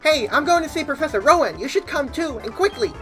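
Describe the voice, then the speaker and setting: A woman voicing a hyper, caffeinated young boy in a high, sped-up chipmunk-like voice while playing a video game. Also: faint music behind. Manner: rushed, excitable. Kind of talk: let's play voice acting.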